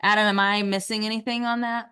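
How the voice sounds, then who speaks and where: Smooth-voiced woman chairing a meeting. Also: mid-range voice, flat delivery, fast talker, bright, forceful tone. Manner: organized, upbeat, leads the agenda. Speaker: committee chair running the meeting. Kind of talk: public committee meeting discussion.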